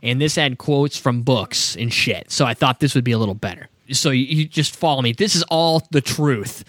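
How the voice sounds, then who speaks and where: A man's voice: medium pitch, normal speed, fairly bright tone. A man hosting a casual chat, reading facts aloud with joking asides and frequent laughs. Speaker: podcast host.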